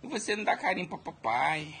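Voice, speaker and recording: A man's voice: fairly high pitch, big pitch swings, fast, a bit bright, slight background noise. A man from Espírito Santo, Brazil, chatting casually on a livestream and doting on his pet dogs, calling himself papai. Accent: Brazilian Portuguese, Espírito Santo. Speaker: pet owner vlogger.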